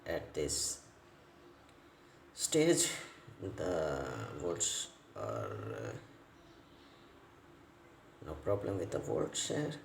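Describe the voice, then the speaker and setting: A low-pitched man, not a native English speaker, demonstrates an electronics repair off the cuff, speaking in halting, piecemeal phrases and repeating words. His voice has huge pitch swings and vocal fry, and the roomy space gives echo along with faint background noise.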